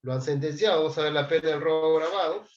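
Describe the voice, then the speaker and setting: A man's voice: fairly high pitch, fast, lo-fi sound, slight background noise. A man giving a law class, reading statute articles aloud and prompting his students to answer. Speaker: law lecturer. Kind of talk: classroom lecture.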